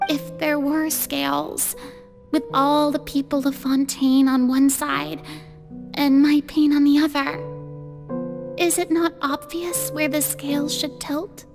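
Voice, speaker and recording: A woman voicing an anxious, uncertain young goddess woman in a video game, speaking in a hesitant, halting way. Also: sits high, level tone, gravelly, music in the background, heavily acted. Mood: resigned.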